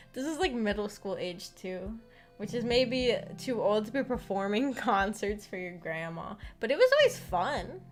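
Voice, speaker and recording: A streamer running a visual novel book club, she chats unhurriedly about her own life, giggling and poking fun at herself. Her voice is medium-pitched with lively intonation, and music plays in the background.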